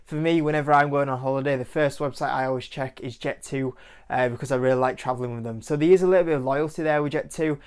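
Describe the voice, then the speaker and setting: Hosting his investing channel, this Yorkshire-accented man from Yorkshire, England, runs through stock picks to camera in a loose, chatty way, full of "like" and "kind of." He talks fast in a smooth, steady voice of medium pitch.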